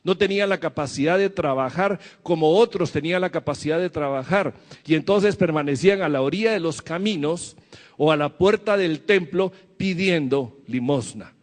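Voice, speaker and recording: A man's voice: on the high side, moderate pace, long reverb tail. A man preaching a sermon to his church, asking the congregation questions as he goes. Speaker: pastor.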